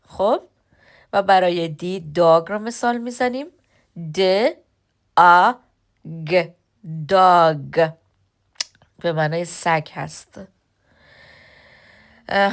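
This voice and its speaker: A woman teaching a beginner English lesson, patient, with frequent filler pauses, spelling words out slowly sound by sound. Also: medium pitch.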